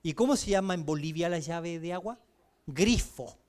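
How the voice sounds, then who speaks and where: A man's voice: a little high, moderate pace, a little mellow. A man with a Chilean accent preaching a sermon as pastor in a church service, talking conversationally with everyday examples and questions to the congregation.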